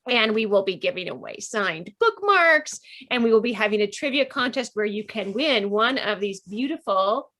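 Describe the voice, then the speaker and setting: A woman's voice: medium pitch, expressive, normal speed, hardly any pauses, pushed and bright. A woman interviewing a friend on a video call, chatty and gushing, laughing often. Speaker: interviewer and co-author. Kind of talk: casual chat on a video call.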